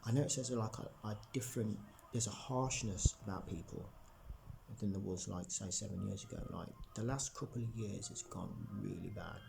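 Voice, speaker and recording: A man's voice: lowish voice, normal speed, vocal fry, noisy background. A young man from the English Midlands talking to camera in a rambling, casual monologue full of fillers and restarts. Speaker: vlogger.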